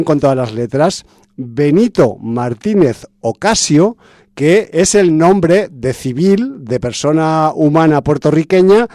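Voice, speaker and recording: Mellow-voiced man reviewing a film. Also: mid-range voice, no echo, clean studio sound. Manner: chatty, lots of fillers and restarts. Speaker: film podcast host. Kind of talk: casual film review chat.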